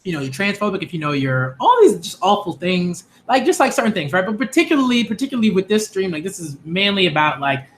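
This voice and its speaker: A channel host in his late twenties rants straight to his viewers, emphatic, repetitive and exasperated. His high, slightly bright voice is very animated and fast, with hardly any pauses.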